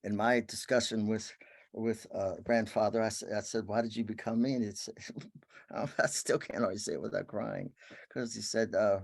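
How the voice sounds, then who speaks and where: A man giving an earnest spiritual talk, his voice often sinking to a soft, hushed murmur. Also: on the low side, moderate pace, gravelly, no room sound, studio quality. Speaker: workshop speaker.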